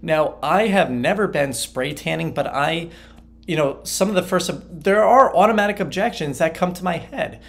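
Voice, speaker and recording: A man with a somewhat high, gravelly voice walks through a marketing tutorial in a casual, conversational way. He keeps tossing in "right?" and restarts sentences as he goes. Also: normal speed. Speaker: online marketing teacher.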